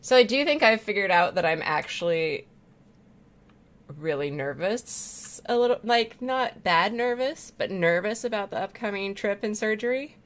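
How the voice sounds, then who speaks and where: A woman's voice: mid-range voice, lively intonation, normal speed. A woman streamer chatting casually while playing a game, rambling, swearing freely and laughing often. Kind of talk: casual chat while gaming.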